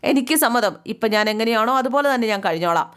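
Brief: firm, steady young wife defending her husband, read out by a woman storyteller, bright pitch. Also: fast talker, smooth, lightly acted. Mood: resolute. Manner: firm, resolute.

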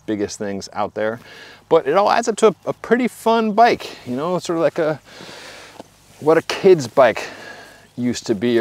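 A man's voice: mid-range voice, a little mellow. A man in his forties giving a casual, conversational product review outdoors, with wry asides. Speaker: bike reviewer. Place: outdoors beside trees and trails.

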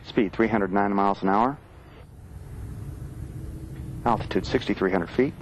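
A man's voice: fairly low pitch, measured pace, slight background noise. A man giving factual live commentary as a mission control announcer.

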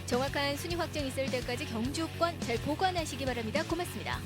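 A woman's voice: high-pitched, fast talker. A woman commentating on a race as it unfolds. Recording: loud music behind the voice. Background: loud music.

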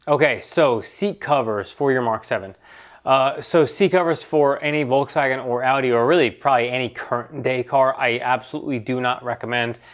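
A man's voice: medium pitch, normal speed, faint music behind. Congested man hosting a car Q&A. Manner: loose, conversational, with frequent fillers and restarts. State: nasal from getting over a cold. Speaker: show host answering car questions. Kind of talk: casual talk-show Q&A.

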